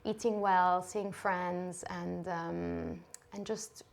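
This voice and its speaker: A woman in her thirties from Lebanon, a shoe designer talking softly in a relaxed interview, with many fillers and restarts. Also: lowish voice, extremely slow, vocal fry.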